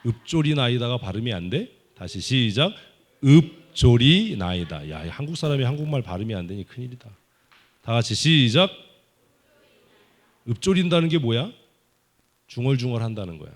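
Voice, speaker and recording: A man preaching a children's sermon at a summer Bible school service in a church, playfully teasing and quizzing the kids with quick questions. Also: mid-range voice, big pitch swings. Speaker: pastor. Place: church sanctuary.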